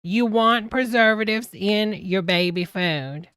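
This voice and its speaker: Female reaction streamer, sharp bright tone, sassy and mocking, casual delivery, dry recording. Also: mid-range voice, slow, smooth, no echo. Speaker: livestream host.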